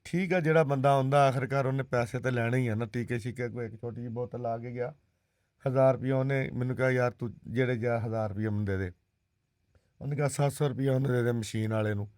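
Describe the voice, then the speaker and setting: A father talks fast and rambles, repeating other people's words as he explains his child's treatment. His voice sits at a medium pitch. The recording is close and dry. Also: fairly even intonation, a little mellow, no room sound. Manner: rambling, recounts dialogue, brief assenting replies. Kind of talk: casual chat.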